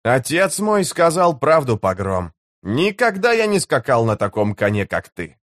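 A man's voice: medium pitch, very animated, measured pace, fairly bright tone, no echo, clean studio sound. Karsa, a man voicing a fierce young warrior chief. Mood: hushed tender. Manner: bold, declaiming, commanding.

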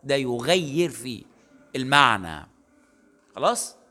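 A man's voice: mid-range voice, big pitch swings, takes it slowly, sharp tone. A male university lecturer with an Egyptian accent, explaining casually with many fillers and self-corrections. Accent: Egyptian Arabic. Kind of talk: recorded online lecture.

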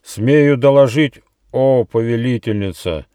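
A man's voice: mid-range voice, a little slow, mellow, clear, resonant tone, no echo, studio quality, pitched above the performer's own voice, close to an everyday voice. A man voicing a fawning male echidna servant who speaks obsequiously.

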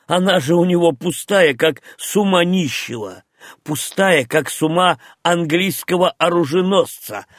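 A man voicing a loud, mocking young English squire in an audiobook reading. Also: sits high, measured pace, no echo, clean studio sound, voice pushed up. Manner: jeering, boisterous.

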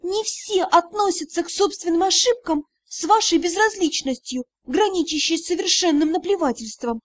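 A woman's voice: extremely high pitch, moderate pace, a little mellow, no echo, pitched above the performer's own voice. A woman voicing a tearful, indignant young female magic student in an audiobook. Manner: pleading, indignant.

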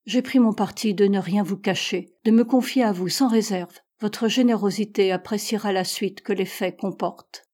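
Exhausted old professor in an audiobook, read by a woman; weary, pleading, soft husky tone. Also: medium pitch, fairly even intonation, normal speed, hardly any pauses, natural voice.

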